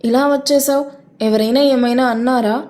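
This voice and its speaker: A man's voice: very high voice, fairly even intonation, normal speed, a little mellow. A woman reading an audio story, voicing a possessive, violent young man who speaks in a cold, commanding way. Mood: coaxing.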